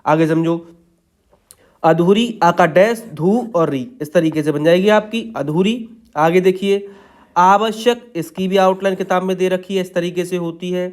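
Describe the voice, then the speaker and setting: Male shorthand tutor, high voice, patient, walks through each word step by step. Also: measured pace. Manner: patient, repeats "ठीक है" after each point. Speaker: shorthand teacher.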